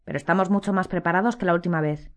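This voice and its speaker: A woman voicing a calm, firm grown man, a wizard who speaks steadily and reassuringly in an audiobook. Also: lowish voice, racing, close to an everyday voice. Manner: firm, soothing. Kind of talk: audiobook character voice.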